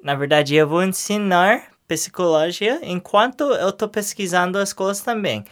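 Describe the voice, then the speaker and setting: A young man whose first language is English gives casual interview answers as a guest, his speech halting and his voice sitting high. He sounds hesitant, searching for words in a second language.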